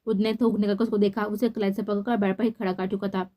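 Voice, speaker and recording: Woman reading a romance novel out loud, mellow voice, steady pace. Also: medium pitch, fast. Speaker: novel reader. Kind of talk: scripted narration of a romance novel.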